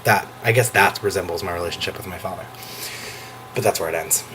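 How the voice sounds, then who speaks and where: A man talking in an excited casual vlog, gushing and emotional, close to tears, with sudden jumps into a high voice. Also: quick pace, noisy background. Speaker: vlogger reviewing a show.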